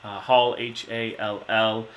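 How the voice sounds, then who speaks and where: A man in his thirties answering interview questions, telling a memory in a relaxed, reflective way with many fillers. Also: fairly low pitch, slow pace. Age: 30s. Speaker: interviewee, insurance manager.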